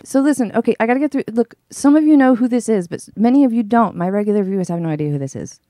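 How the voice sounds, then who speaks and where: A woman's voice: on the high side, animated, racing, warm tone, dry recording, clean studio sound. A woman hosting a livestream in casual, bantering chat, playful and emphatic, rambling as she goes. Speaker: livestream host.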